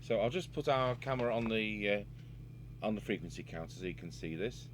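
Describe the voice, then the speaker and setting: A radio repair hobbyist and video presenter demonstrates a hands-on repair job casually, speaking unscripted and musing aloud as he works. His voice is fairly low and his speed normal. Some background noise and hum sit behind him.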